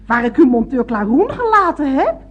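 A woman's voice: high voice, very animated, normal speed, muffled recording. An actress playing a scatterbrained, chatty woman motorist rambling on the phone in a radio comedy. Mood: chattering. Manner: gushing, giggly, rambling.

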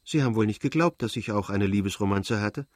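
A man reading aloud voices a calm, gentle young woman who speaks plainly and quietly. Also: on the low side, brisk, no echo, studio quality, close to an everyday voice. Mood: teasing.

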